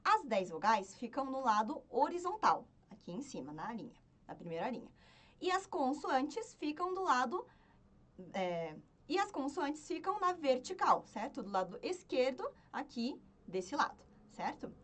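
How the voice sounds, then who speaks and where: Female language teacher, animated and high-pitched, chants syllable drills patiently. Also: a little slow. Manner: patient, repeats and checks with "certo?". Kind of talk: spoken lesson, chanting syllables.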